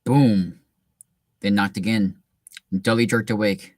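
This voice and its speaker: A man hosting a reading session and reading a story aloud in a relaxed way, with frequent restarts. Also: on the low side, takes it slowly, no echo. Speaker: host reading a book aloud. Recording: distant mic in a dry room.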